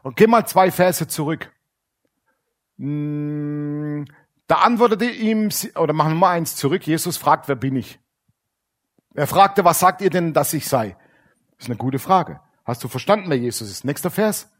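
A man preaches with a slightly raised voice, sounding casual and everyday. He swings from hushed, low asides to bright, punchy emphasis, putting on little voices for the people he quotes. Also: normal speed. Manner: lively, colloquial, dramatic swings between loud emphasis and quiet asides. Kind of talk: sermon.

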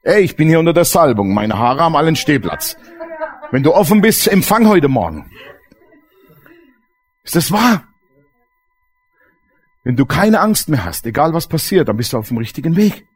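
A man's voice: fairly high pitch, sing-song, normal speed, long pauses, breathy edge. A man preaching a sermon as pastor, emphatic and asking the congregation questions.

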